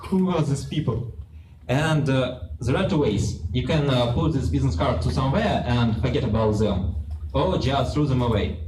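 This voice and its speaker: A young man from Russia with a strong Russian accent gives a live product presentation in halting, simple English. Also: mid-range voice, darkish tone. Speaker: startup presenter. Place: large open office event space, indoors. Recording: echoey room, distant mic, clear noise.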